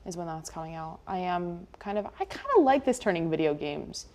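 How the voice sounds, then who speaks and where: This local TV chat host is a young American woman who talks casually and without a script, sprinkling "like" throughout. Her voice sits on the low side with a darkish tone, swinging widely in pitch at a fairly quick pace.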